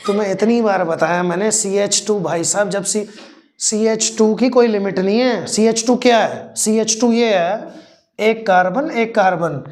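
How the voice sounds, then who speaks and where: A male teacher who teaches a chemistry class, fondly teasing and mock-scolding his students while slowly spelling out formulas step by step. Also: high voice, a little mellow. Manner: affectionate, teasing and scolding, calls students "beta".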